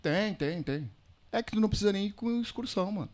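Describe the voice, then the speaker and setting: A man, a podcast guest telling a personal story in a slangy, animated way. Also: high voice, fast. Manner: animated storyteller, slangy, calls listeners "mano". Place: podcast studio.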